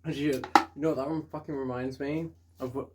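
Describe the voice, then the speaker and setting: A man's voice: medium pitch, steady tone, quick pace, very noisy. A young man in casual storytime chat, ranting in an exasperated, sweary way.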